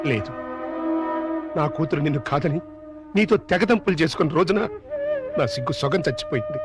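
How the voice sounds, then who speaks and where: A man's voice: on the high side, animated, fairly quick, over loud music, close to an everyday voice. An actor playing an older grandfather earnestly pleading with his son-in-law to remarry. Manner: earnest, lamenting.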